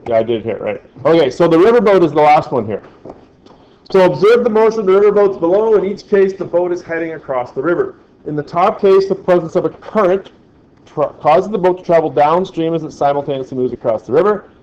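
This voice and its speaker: A male teacher lectures his class in a slightly high, darkish voice at a somewhat quick pace. He jokes around and keeps checking in with "right?". The classroom recording is echoey, dull and lo-fi.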